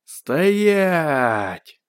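A man voicing a gruff male guard shouting rough, bossy orders through a loudspeaker in an audiobook. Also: a little high, lively intonation, unhurried. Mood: barking orders. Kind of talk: audiobook character voice.

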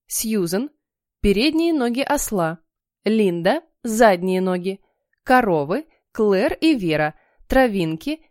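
A strict, bossy schoolteacher, as a woman reader puts her on, handing out commands that brook no argument. Her voice swings widely in pitch, and the storybook recording is dry and close. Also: sing-song, slow, a little mellow, dry recording. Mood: commanding.

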